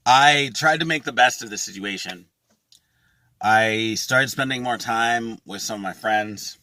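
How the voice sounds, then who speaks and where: A man's voice: mid-range voice, measured pace, bright, forceful tone, dry recording. A man speaking casually and earnestly to his viewers as a music festival vlogger, with emphatic phrasing. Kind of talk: casual to-camera vlog.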